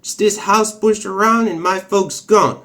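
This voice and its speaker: Plainspoken rural storyteller for an audiobook, high male voice, folksy practiced Oklahoma drawl, acted out by a man reading. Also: fairly even intonation, unhurried, pushed and bright. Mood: matter-of-fact. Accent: Oklahoma accent, practiced.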